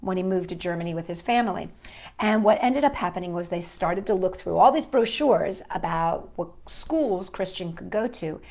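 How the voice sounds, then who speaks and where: This woman's storytime has her reading a picture book aloud and chatting softly with children, asking them questions, in a lowish, animated voice at normal speed.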